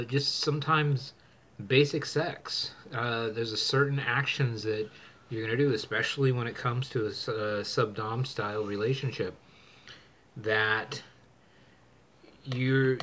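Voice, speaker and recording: A man's voice: mid-range voice, fairly bright tone, a little hiss or hum. A man hosting a casual chat, rambling with many restarts and fillers. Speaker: channel host.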